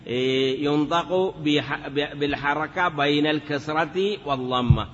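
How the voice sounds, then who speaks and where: A man's voice: a little high, a little slow, big-room sound, lo-fi sound, a little hiss or hum. A man teaching Arabic grammar in a patient classroom lecture, repeating examples and chanting some in a sing-song lilt.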